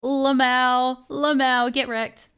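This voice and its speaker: A woman hosts a casual livestream in a girlish, high-pitched voice. Her tone is smooth and clear, and she is chatty, talking loosely with friends and swearing as she goes. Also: little pitch movement, slow, fairly bright tone. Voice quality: youthful, girlish. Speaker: livestream host.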